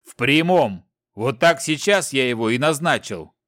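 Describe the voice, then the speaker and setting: A man narrates the role of an arrogant, contemptuous sylph elder commanding recruits in an audiobook, bullying them and cutting them off in a scornful, menacing way. He speaks unhurriedly in an expressive, medium-pitched voice with a fairly bright tone. It's a clean studio recording without room sound.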